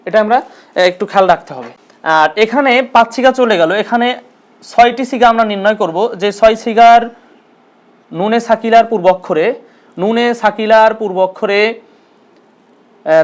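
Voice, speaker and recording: A man teaching an Arabic grammar lesson, patiently repeating terms and asking and answering his own questions. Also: high voice.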